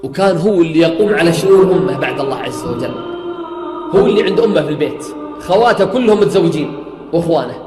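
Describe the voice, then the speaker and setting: A man's voice: fairly high pitch, lively intonation, very fast. A man, a preacher telling a story in sermon style, swearing oaths and rising to a near-chant. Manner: retells an eyewitness account, swearing oaths, rising to near-singing emphasis. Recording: echoey hall with faint music.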